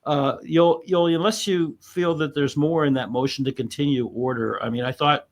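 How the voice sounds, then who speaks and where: A man's voice: a little high, fairly even intonation, moderate pace. A man who is a lawyer hosting a true-crime channel, chatting casually on a video call with a rambling, emphatic manner and self-deprecating asides. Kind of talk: casual panel discussion.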